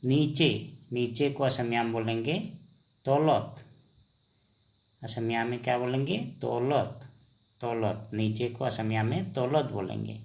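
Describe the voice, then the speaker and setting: A male language teacher speaks at a very slow, deliberate pace in a middle-pitched voice. He drills each word several times. He poses questions to the viewer and then answers them himself, as in a recorded screen lesson. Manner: slow, repetitive drilling, asks and answers his own questions. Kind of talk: vocabulary lesson.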